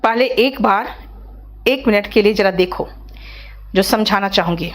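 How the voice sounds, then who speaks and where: A woman's voice: mid-range voice, measured pace. A woman teaching English spelling and pronunciation in Hindi, repeating example words and scolding her students about how they pronounce them.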